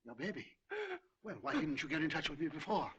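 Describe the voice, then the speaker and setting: An actor playing a pompous older judge who blusters and barks orders. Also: male voice, fairly high pitch, a little fast, fairly bright tone, dull audio, lightly acted. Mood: concerned. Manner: blustering, commanding. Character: pompous older male judge, brusque then generous.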